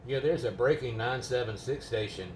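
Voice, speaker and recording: A man's voice: medium pitch, moderate pace, darkish tone. A man talking casually indoors as a home radio operator, explaining things in a patient, rambling way. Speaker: amateur GMRS radio operator. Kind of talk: casual, unscripted radio chat. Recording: roomy, noisy, distant microphone.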